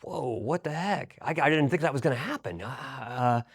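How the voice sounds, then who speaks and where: A man's voice: medium pitch, animated, breathy edge. A man voicing a resigned warrior prince in a story retelling, stammering and hesitant. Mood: uneasy. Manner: halting, stammering.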